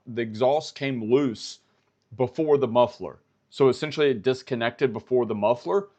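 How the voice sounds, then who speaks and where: An American vlogger giving live-stream commentary, retelling events in a storytelling way and repeating himself. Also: male voice, mid-range voice, a little mellow. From United States.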